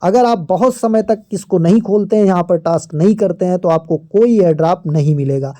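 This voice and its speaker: Mellow-voiced tutorial host walking through steps. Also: medium pitch, brisk. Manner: steady step-by-step explaining, keeps pointing things out on screen. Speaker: crypto app tutorial host. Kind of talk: screen-recorded walkthrough.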